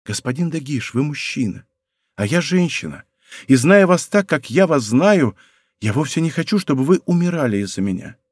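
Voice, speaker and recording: A man voicing a proud young princess in an audiobook, speaking softly, calmly and deliberately in a dry studio sound. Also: fairly high pitch, husky, no room sound, exaggerated voice. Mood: quiet, composed. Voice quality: soft, hushed. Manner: calm, deliberate and quietly firm. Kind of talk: audiobook character voice.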